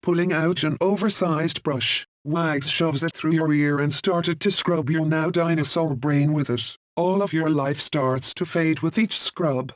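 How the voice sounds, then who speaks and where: A man reads a scripted story aloud, addressing the listener directly. His voice sits a little high and is recorded close and dry. He keeps a steady, even pace. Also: a little slow, hardly any pauses, no echo. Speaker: narrator. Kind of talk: scripted second-person story narration.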